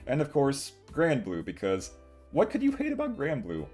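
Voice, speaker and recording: A man's voice: mid-range voice, wildly swooping pitch, moderate pace, a little mellow. A young adult man livestreaming, chatting casually and rambling to viewers with occasional acted-out quotes. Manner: rambling, chuckling, acts out short quotes. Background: guitar music.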